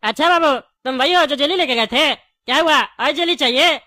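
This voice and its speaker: A woman playing a chatty male candy shopkeeper in a comedy skit, quick to argue and laughing often. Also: high-pitched, pushed and bright, no echo, clean studio sound. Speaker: comic skit actor.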